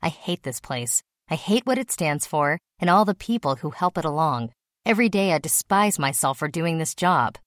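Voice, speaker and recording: A woman voicing a weary, gruff male company executive who speaks slowly and sternly. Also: expressive, a bit bright, dry recording, clean studio sound. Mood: brooding. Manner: slow, gruff, low delivery.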